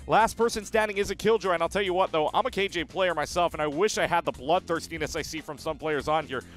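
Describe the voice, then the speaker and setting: A man hosting an esports highlights show, recapping matches with upbeat, quick delivery and playful asides. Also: fairly bright tone, faint music behind. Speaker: host.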